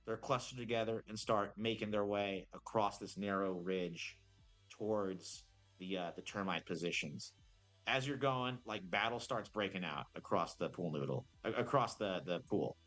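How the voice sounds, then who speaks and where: A low-voiced man runs a tabletop game as game master, describing the scene in a loose, improvised ramble. He pauses and corrects himself often, and faint music plays underneath. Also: a bit bright. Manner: rambling, full of fillers and self-corrections.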